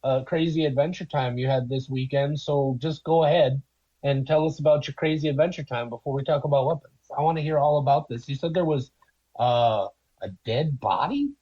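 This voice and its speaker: A male podcast host chats and jokes with his co-hosts in a mellow, slightly high voice. His audio is muffled and tinny, as if he were talking over an old telephone. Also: fairly quick. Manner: joking, playful. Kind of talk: casual group chat. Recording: muffled tin-can phone-like audio.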